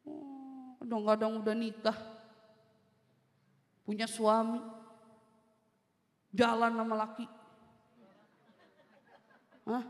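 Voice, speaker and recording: A woman preacher gives an animated, teasing sermon to a women's study group, mixing everyday slang with Arabic phrases. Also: a little high, slow, long pauses. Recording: echoey hall with long reverb.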